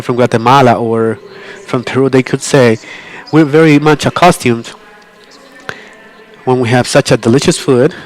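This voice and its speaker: Heard through poor audio, a man with a medium-pitched voice provides live interpretation of a conference talk. He speaks haltingly, with repeated restarts and self-corrections.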